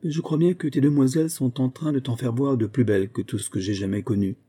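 A man's voice: medium pitch, fairly even intonation, fast talker, warm tone, slightly rough, natural voice. A man voicing a shrewd, impatient woman class mistress who lectures her friend knowingly, in a read-aloud novel. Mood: lecturing.

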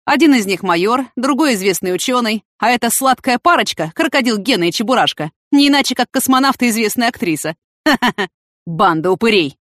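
Woman putting on a rude yelling lieutenant, jeers and accuses, dry close voice. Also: on the high side, lively intonation, a little fast, no echo, pitched above the performer's own voice. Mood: mocking, shouting. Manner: loud, mocking, accusing. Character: shouting brutish male police lieutenant.

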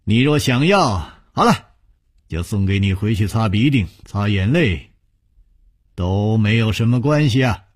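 A man voicing a calm, witty young male swordsman with a soft, husky, composed voice. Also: on the low side, measured pace, dry recording, studio quality. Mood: teasing.

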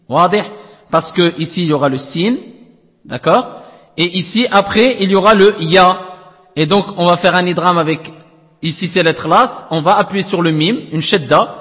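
A man's voice: high voice, bright, forceful tone, in a large hall. A man teaching Quranic recitation rules in a classroom lesson, explaining step by step, checking understanding with frequent tag questions, and chanting letters at length.

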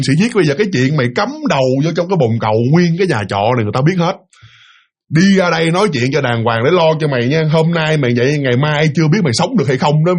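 A man's voice: fairly high pitch, breathy edge. A man voicing a stern older neighbor who scolds bluntly.

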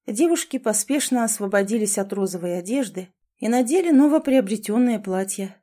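A woman's voice: medium pitch, animated, a little fast, mellow. A woman narrating a fantasy storybook aloud. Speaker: audiobook narrator.

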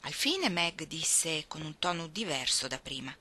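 A woman reading a classic novel aloud in steady, expressive storybook narration. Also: low voice, measured pace. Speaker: reader.

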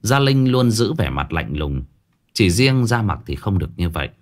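A man narrating a horror story in an expressive, dramatic storytelling style. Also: fairly low pitch, moderate pace.

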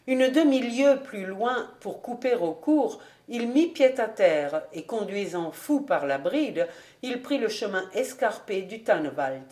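A woman reading a classic novel aloud as an audiobook narrator, steady and clear. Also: medium pitch, slow. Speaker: audiobook reader.

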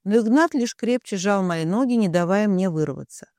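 Audiobook narrator, first-person story, expressive, middle pitch, dry close sound. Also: normal speed, dry recording.

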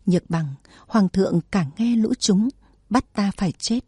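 A woman's voice: mid-range voice, measured pace, dark tone, breathy edge, no room sound, studio quality. Woman voicing a defiant old-time woman general. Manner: defiant, solemn speech. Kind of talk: storybook narration.

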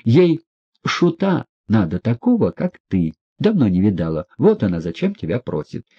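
A man voicing a hot-tempered, imperious older noblewoman who scolds in shrill outbursts. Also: wildly swooping pitch, normal speed, slightly rough, highs cut off, heavily acted. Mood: scolding.

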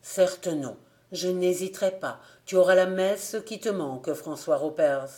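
A woman's voice: on the low side, a little slow, darkish tone, natural voice. A woman voicing an old village gravedigger in an audiobook, anxious and pleading. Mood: relieved.

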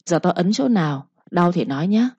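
A woman's voice: fairly low pitch, expressive, moderate pace, dark tone, husky, no echo. A woman voicing a stern young male master who gives blunt, scolding orders. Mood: brusque. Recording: slightly muffled recording.

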